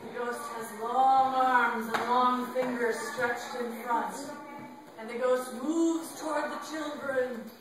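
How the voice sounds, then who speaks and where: A woman principal telling a spooky campfire story to a class of children in an animated, dramatic way, recorded from afar in a classroom. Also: high-pitched, slow pace, heavy reverb, recorded from a distance, crowd noise, low-quality recording. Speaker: school principal. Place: school classroom.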